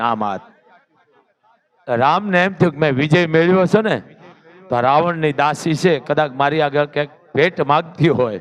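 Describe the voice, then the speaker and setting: A man telling a devotional story in an animated, dramatic, lecturing way. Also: a little high. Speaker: religious storyteller.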